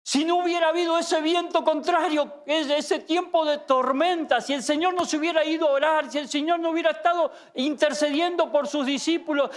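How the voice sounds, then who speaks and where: A man with an Argentine accent preaching an impassioned sermon in a church as pastor, full of rhetorical questions. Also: extremely high pitch. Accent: Argentine Spanish.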